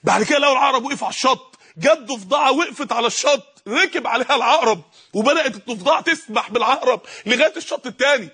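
A man's voice: very high-pitched, expressive, rapid-fire, bright, forceful tone, slightly rough. A male preacher with an Egyptian accent giving an impassioned sermon, telling stories and rising to cries. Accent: Egyptian Arabic. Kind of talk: emotional sermon.

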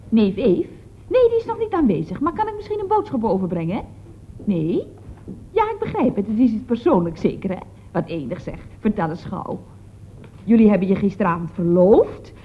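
A woman's voice: on the high side, slightly rough. An actress playing a chatty, gushing female office clerk in a 1960s radio comedy. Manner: chatty, gushing, lively swings of tone. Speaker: office receptionist at a building firm. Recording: old phone-like radio recording.

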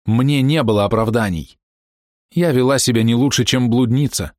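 A man's voice: mid-range voice, moderate pace, darkish tone, no room sound, studio quality, pitched above the performer's own voice, lightly acted. A man voicing a remorseful young wife who confesses her adultery in an anguished, pleading way. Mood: confessing. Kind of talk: audiobook character voice.

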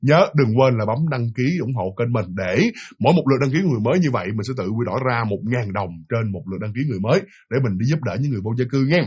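A man's voice: mid-range voice, expressive, racing, few pauses, a little mellow, husky, dull audio. Chatty southern storyteller, man. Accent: Southern Vietnamese. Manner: chatty, addresses listeners directly. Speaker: storytelling channel host. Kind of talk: casual spoken ghost story.

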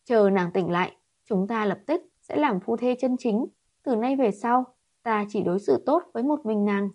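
A woman's voice: a little high, moderate pace, darkish tone, slightly rough. Woman reading a cold, commanding prince. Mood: devoted. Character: cold, possessive young prince, man.

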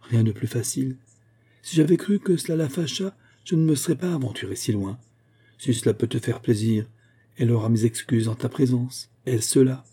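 A man's voice: mid-range voice, fairly quick, dark tone, slightly rough. A man voicing a jovial young male officer in a novel, hearty and teasing as he talks. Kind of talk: audiobook character reading.

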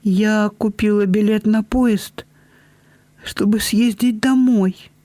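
A high, eager young woman, flustered and quick to apologize, in a storybook reading, put on by a male narrator. Her voice lifts well above the narrator's own and sits close and dry on the mic. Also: fairly even intonation, dark tone, no room sound. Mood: flustered, apologetic.

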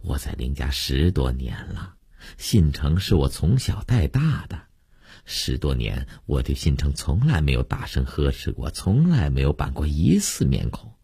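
A man voicing a resentful, sharp-tongued middle-aged female nanny who grumbles indignantly. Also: very deep voice, lively intonation, unhurried, gravelly, slightly rough, exaggerated voice.

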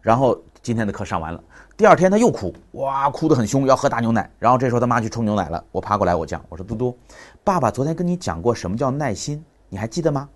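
Fast, animated man giving a talk. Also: medium pitch. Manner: lively storytelling, acting out family dialogue. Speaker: parenting speaker. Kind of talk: public talk.

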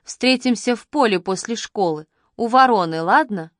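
A woman's voice: medium pitch, lively intonation, normal speed, dry recording, studio quality, natural voice. A woman doing a curt secretive schoolgirl. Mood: bossy. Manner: curt, sharp-tongued. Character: secretive defiant schoolgirl of about eleven.

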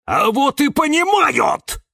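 A man voicing a frantic young male cactus who shouts and wails for help in a storybook. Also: mid-range voice, normal speed, vocal fry, dry recording, studio quality, far from the mic, pitched above the performer's own voice. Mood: frantic shouting.

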